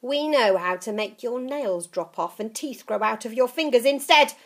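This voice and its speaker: A woman's voice: fairly high pitch, expressive, voice pushed up. A woman putting on a gloating witchlike old granny. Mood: sly, menacing. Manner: relishing, slow and menacing, drawn-out words. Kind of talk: storybook reading.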